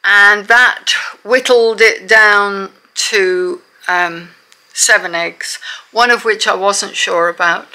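A retired woman talks through her home vlog at an unhurried, deliberate pace. Her voice is bright and clear, and her tone is chatty and self-deprecating. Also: mid-range voice, fairly even intonation, low-quality recording. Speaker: vlogger. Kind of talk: casual home vlog narration. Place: rural home.

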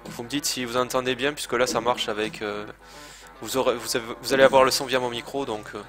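A man streams a video game live with a mid-range voice and a steady tone, talking fast over music. His casual commentary is chatty and hesitant, with swearing and self-mockery. He uses a desk microphone while speakers play the game's sound.

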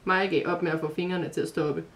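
A woman's voice: on the low side, steady tone, recorded from a distance. Woman reading a children's story aloud. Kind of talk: scripted narration of a children's advent story.

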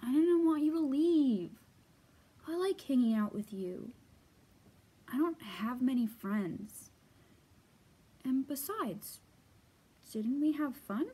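Woman playing a slow, grumpy big storybook bear. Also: high voice, lively intonation, dark tone, husky, exaggerated voice. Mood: sheepish. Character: big grumpy bear, lonely but friendly underneath. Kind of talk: children's picture book read aloud. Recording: echoey room, faint background noise.

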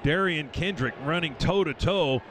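A man's voice: a little high, moderate pace, a bit bright. A man calling American football as a radio play-by-play announcer, in clipped, vivid running phrases. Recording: stadium radio broadcast, clear background noise.

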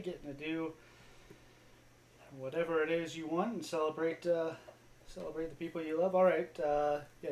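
A man hosting a card-break livestream, chatting casually with viewers in an easygoing way with lots of fillers. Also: on the high side.

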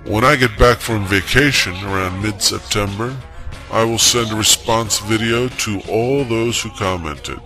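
A man in his forties talking to viewers in a slow, wry monologue, his voice altered into a disguised deep voice. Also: pushed and bright, soft background music. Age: 40s. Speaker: vlogger.

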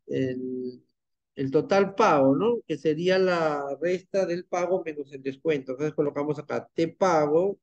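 Male instructor, patient, fairly high voice, dull online-class audio. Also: darkish tone. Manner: patient, checks in with "¿ya?" and "¿ven?". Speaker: teacher. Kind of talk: live online class, screen-share demo.

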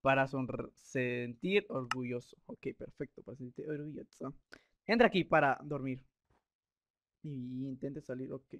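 A young man with a Mexican accent doing excitable, swear-filled gameplay commentary, reading in-game signs aloud. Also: mid-range voice, measured pace, noisy background. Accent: Mexican Spanish. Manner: excitable, swears, yells when startled.

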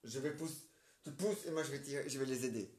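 A man with a mid-range, slightly mellow voice moves at a quick pace while voicing every character in his own homemade play. As an amateur playwright, he is rambling and hesitant, leaning on filler tags, and the home recording is roomy and echoey.

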